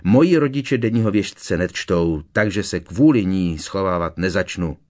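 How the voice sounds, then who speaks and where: A man's voice: low-pitched, lively intonation, a little mellow. A man voicing a fiery, indignant teenage schoolgirl who talks in an agitated, raised voice. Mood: furious.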